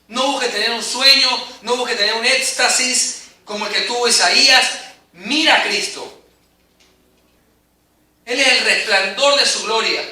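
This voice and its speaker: A man preaches with emphasis and drama, his voice high and piercingly bright, the intensity rising and falling. The mic sits at a distance in a heavily echoing hall, so each phrase rings out around him.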